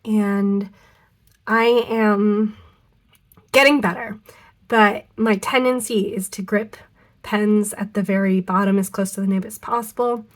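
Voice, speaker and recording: Sitting in her home studio with a cold that makes her sound nasal and stuffy, a young woman who vlogs about fountain pens talks through an unboxing to camera. Her medium-pitched voice is fairly even and a touch slow, and she rambles, backtracks, and fills pauses with ums and likes.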